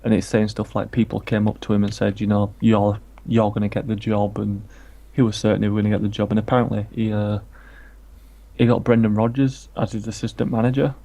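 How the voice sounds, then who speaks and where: A man's voice: lowish voice, level tone, quick pace, vocal fry, dark tone. A man from England chatting casually about football while streaming a game, rambling from point to point. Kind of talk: casual chat while gaming.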